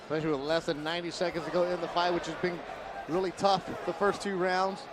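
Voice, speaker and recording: A man's voice: sits high, level tone, fast. A man calling a mixed martial arts fight live as play-by-play commentator. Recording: noisy live arena with loud crowd. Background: crowd and event ambience.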